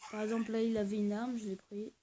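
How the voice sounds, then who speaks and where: A woman giving casual gameplay commentary for her video channel, hesitant and soft-spoken, full of pauses and fillers and often trailing off. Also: mid-range voice, level tone, slight background noise, rough recording. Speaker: gaming video host.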